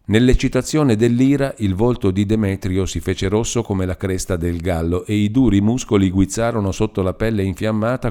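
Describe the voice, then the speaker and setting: A man narrating an audiobook chapter in an expressive, measured reading. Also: on the low side. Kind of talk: scripted narration.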